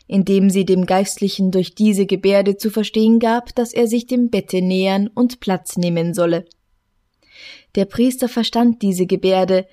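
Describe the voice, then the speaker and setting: A woman reads a classic novel aloud at a calm, measured pace. Her voice is mellow and dark-toned. Her pitch sits in an ordinary middle range. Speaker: audiobook narrator. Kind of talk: scripted literary narration.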